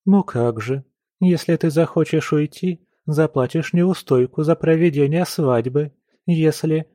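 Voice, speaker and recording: A man reading an audiobook, voicing a cold, domineering young noblewoman who speaks quietly and with menace. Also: a little high, unhurried, no room sound, studio quality, voice pushed up, natural voice. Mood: icy, menacing. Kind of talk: audiobook character voice.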